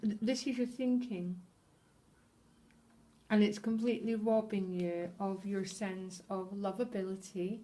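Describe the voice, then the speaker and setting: A woman giving a tarot reading straight to her viewers, earnest and openly emotional, often pausing to check in with them. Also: mid-range voice, dark tone. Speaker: tarot reader.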